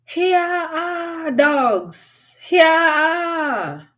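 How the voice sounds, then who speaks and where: A woman's voice: measured pace, close to an everyday voice. A woman voicing a clever, bold young country boy who hollers in a raised voice, for a read-aloud folktale. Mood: hollering. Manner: loud hollering, raised pitch.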